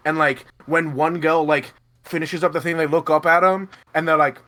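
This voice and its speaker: A man's voice: fairly high pitch, steady tone, moderate pace, sharp tone. A man narrating a tabletop role-playing game as game master, rambling energetically with many fillers.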